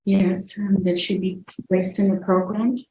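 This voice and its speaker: A woman testifying as a witness in a courtroom recording, speaking softly and pleading. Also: medium pitch, flat delivery, unhurried. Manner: pleading, soft-spoken. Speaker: witness, defendant's mother. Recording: echoey courtroom audio from far off, faint noise.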